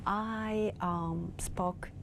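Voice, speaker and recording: A South Korean woman, a native Korean speaker and bilingual facilitator, is a guest on a TV interview, answering questions in Korean-accented English. She speaks in a measured way, searching for words in her second language, with a somewhat low, creaky voice and fairly even intonation. Slight background noise is audible.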